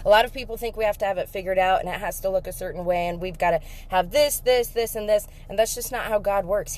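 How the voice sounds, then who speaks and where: A woman telling an emotional faith story in a casual vlog, emphatic and excitable, breaking into laughter. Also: medium pitch. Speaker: faith vlogger.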